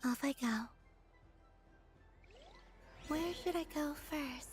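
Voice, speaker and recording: Slow, high-voiced serene young lady. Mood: calm, curious. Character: serene, gently curious young festival visitor. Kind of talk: video game voice acting. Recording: background music.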